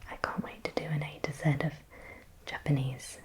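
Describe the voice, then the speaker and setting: A woman whispering softly in ASMR style, slowly repeating words and thinking aloud as she guesses. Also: low-pitched, flat delivery, rough recording. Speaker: ASMR creator.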